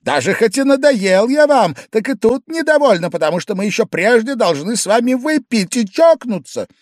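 Male reader doing drunk fawning man, shrill and simpering, dry close sound. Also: big pitch swings, no room sound, exaggerated voice. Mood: wheedling insistent. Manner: simpering, shrill, drawn-out pleading. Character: drunk fawning middle-aged man, wheedling and hysterical.

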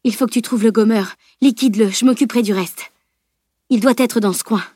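A woman voicing a desperate teenage heroine who pleads in high, loud calls. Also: brisk, no room sound, clean studio sound, close to an everyday voice. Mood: urgent. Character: desperate teenage girl heroine, fierce and bossy.

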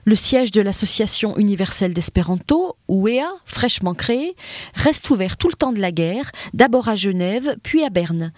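A woman narrating a history segment on a radio course, reading a prepared text in a measured way. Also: medium pitch, animated, dry recording.

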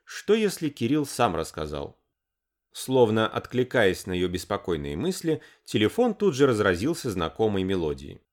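A man narrating an audiobook novel in an expressive reading style. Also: on the low side, moderate pace.

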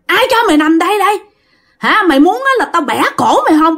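Woman doing a high shrill ghost guy, young, mean and threatening, fast. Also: animated, natural voice. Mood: menacing. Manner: menacing, cursing and threatening. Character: angry young male ghost with bleached hair.

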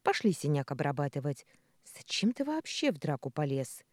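A female narrator voicing a spirited, quick-tempered young woman who talks sharply and bossily. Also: low-pitched, big pitch swings, no echo, studio quality. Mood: exasperated. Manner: sharp, exasperated, commanding. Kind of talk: audiobook character voice.

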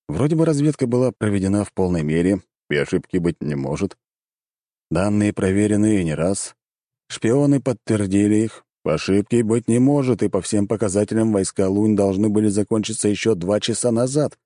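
A man narrates an audiobook in a low, dark and mellow voice, even and measured. The recording is dry and close to the mic. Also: no room sound. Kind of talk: scripted narration.

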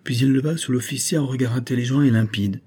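A man reading a novel aloud as audiobook narration in a steady, measured way. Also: medium pitch, breathy edge. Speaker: audiobook reader.

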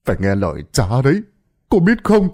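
A man's voice: medium pitch, huge pitch swings, normal speed, warm tone. A man voicing a drunk, cruel, superstitious middle-aged father who rants with slurred scorn in an audio story. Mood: drunken ranting.

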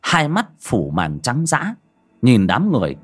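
A man narrating an audio ghost story in a dramatic, lively storytelling manner. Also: medium pitch, measured pace, slightly rough, soft background music.

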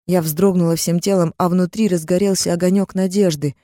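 A woman's voice: on the low side, fairly even intonation, a little fast, dark tone, dry recording, clean studio sound. A woman reading a first-person audiobook in a tense, dramatic storytelling manner. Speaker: audiobook narrator. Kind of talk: first-person scripted narration.

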